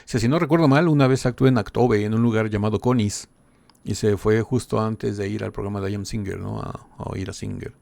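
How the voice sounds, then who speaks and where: A man's voice: fairly low pitch, steady tone, a little fast, vocal fry, a little mellow. A man hosting a reaction channel, casually relaying and explaining what is said in a stream, often tagging lines with "¿no?". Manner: relays quotes with frequent "dice" and "¿no?". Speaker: reaction channel host translating a live stream. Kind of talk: casual commentary and translation.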